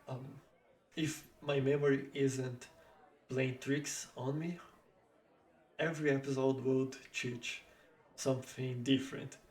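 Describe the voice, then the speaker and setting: A man reminisces in a casual, wandering way. His delivery is slow and halting, with a creaky fry in the voice. The sound is roomy and echoing. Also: mid-range voice, a little mellow. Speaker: vlogger reminiscing about old kids' shows.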